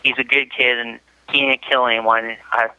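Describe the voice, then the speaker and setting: A young man talking on a prison payphone line, in a flat, halting way with restarts. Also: medium pitch, clean tone, no room sound. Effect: prison payphone call line. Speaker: prison inmate. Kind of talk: interview over a prison phone. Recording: muffled prison phone line.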